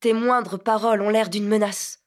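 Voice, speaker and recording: A woman's voice: mid-range voice, steady tone, normal speed, natural voice. Woman reader doing a wary teen boy, protesting, clipped lines. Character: moody, wary teenage boy.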